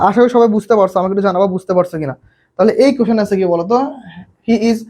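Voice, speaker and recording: A man's voice: high voice, mellow. A young Bangladeshi man teaching a live online English class, quizzing his students and repeating his questions.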